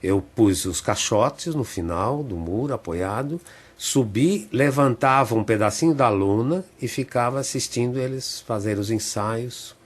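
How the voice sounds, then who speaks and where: Older husky-voiced Brazilian man reminiscing. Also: medium pitch. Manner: unhurried reminiscing, frequent tag questions. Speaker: theatre director, interview guest. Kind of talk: reflective storytelling in a radio interview. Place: radio studio.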